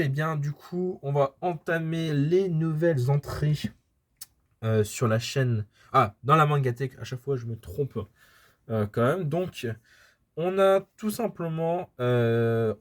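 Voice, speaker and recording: A man's voice: medium pitch, darkish tone. Rambling, hesitant man showing his manga. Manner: rambling, hesitant, many fillers and restarts. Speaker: manga collector vlogger. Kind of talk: casual haul video chat. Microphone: camera filming books, speaker off-frame.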